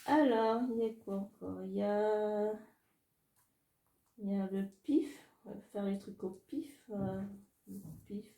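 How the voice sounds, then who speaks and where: A woman from France thinking aloud in a casual solo video, soft-spoken and hesitant, laughing often as she draws cards and dice. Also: medium pitch, slow pace, gravelly, roomy sound. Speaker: illustrator doing card and dice draws.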